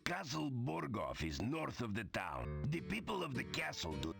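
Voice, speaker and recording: A man's voice: mid-range voice, wildly swooping pitch, moderate pace, creaky, loud music behind the voice, full character voice. A man voicing a stern, gossipy villager in a video game, opinionated and emphatic as he cautions a newcomer. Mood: grave warning. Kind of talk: video game character acting.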